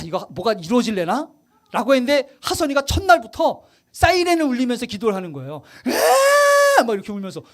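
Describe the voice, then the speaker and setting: Casting: a pastor with a very high voice that rises and falls a lot, lively sermon storytelling. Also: male voice. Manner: animated storytelling, acts out quotes and asks the congregation questions; drops to quiet, soft emphasis at points.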